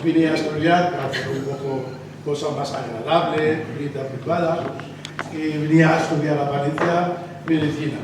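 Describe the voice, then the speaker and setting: A Palestinian man, a local election candidate, gives an after-dinner speech in a restaurant dining hall. His male voice sits on the high side and stays steady, though he halts and searches for words. The recording is noisy, picked up from far off in an echoey room.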